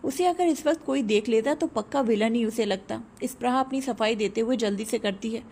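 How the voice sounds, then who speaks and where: A woman narrating a romance story in a steady reading voice. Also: on the high side, fairly quick, creaky.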